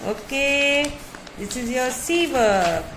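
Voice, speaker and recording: A woman's voice: sits high, expressive, takes it slowly, background noise. A woman with an Indian accent teaching small children in a playful, repetitive sing-song, with the showy manner of a kids' party magician. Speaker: primary school maths teacher. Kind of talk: children's lesson with playful chanting.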